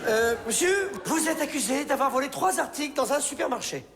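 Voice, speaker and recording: A flustered, stiff store manager, stammering with indignation. His voice is high and animated, swinging widely in pitch. A long theater reverb and faint ambience surround it. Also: a little fast, vocal fry, a little hiss or hum, heavily acted. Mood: exasperated. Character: flustered middle-aged store manager, stiff and easily exasperated. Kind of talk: stage play acting. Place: theater stage.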